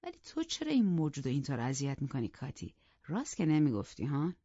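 A woman voicing a cold, brooding, contemptuous man in an audiobook, quiet and flat. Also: sits low, breathy edge, no room sound, lo-fi sound, exaggerated voice. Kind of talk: audiobook character voice.

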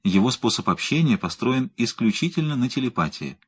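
A man's voice: mid-range voice, sing-song, fairly quick, slightly rough. Man reading as a lecturing male scientist. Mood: explaining. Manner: methodical, lecturing. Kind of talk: audiobook reading.

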